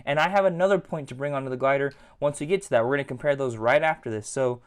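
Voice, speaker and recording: A man's voice: mid-range voice, fast, clear, resonant tone. A man giving a casual, rambling toy review at home, leaning on filler words like "again" and "like". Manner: chatty, rambling, repeats "again" and "like".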